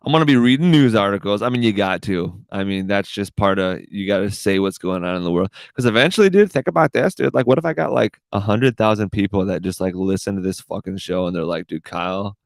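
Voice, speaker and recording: A man's voice: on the low side, quick pace, creaky, few pauses, no echo. A man in his thirties hosting a casual solo podcast, rambling and swearing with "dude" in every line. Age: 30s. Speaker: podcast host.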